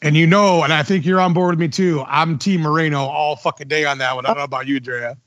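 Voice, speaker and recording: Man, podcast host, enthusiastic slangy chat, slightly high voice, dry sound. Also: fairly even intonation, quick pace, fairly bright tone, dry recording, dull audio. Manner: enthusiastic, uses slang like dude and bro. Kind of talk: casual chat.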